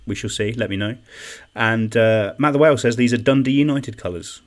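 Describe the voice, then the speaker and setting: A man's voice: medium pitch, a little fast. A young man hosting an online quiz in a chatty, self-deprecating way, reading out comments and repeating each question. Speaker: quiz host. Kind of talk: casual live-stream quiz hosting.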